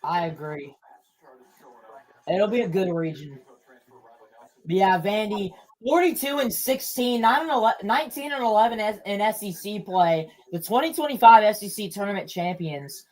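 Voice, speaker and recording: A young man co-hosting a podcast, casually reacting out loud to a sports broadcast and blurting out results. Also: high-pitched, moderate pace, poor audio. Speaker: podcast co-host.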